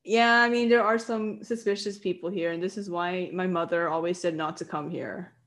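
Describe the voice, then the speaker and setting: A woman's voice: on the low side, fairly even intonation, moderate pace, lightly acted. A woman voicing a reluctant, evasive young man who protests politely and hesitantly in an improvised story. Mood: resigned. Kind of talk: improvised story role-play.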